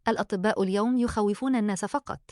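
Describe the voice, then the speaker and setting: A cold, domineering older mother-in-law, voiced by a woman telling the story. She clips her words and brushes others off. Her voice sits at a middling pitch and sounds dry and close. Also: racing, darkish tone, no room sound, lightly acted. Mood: cold, dismissive. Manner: curt and dismissive.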